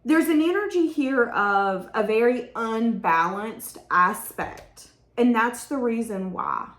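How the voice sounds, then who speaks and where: A woman's voice: fairly high pitch, animated, slow, fairly bright tone, roomy sound. A woman giving a tarot reading to her viewers, talking in an emotional, rambling, repetitive way. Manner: emotional, stream-of-consciousness, repeats herself. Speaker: tarot reader.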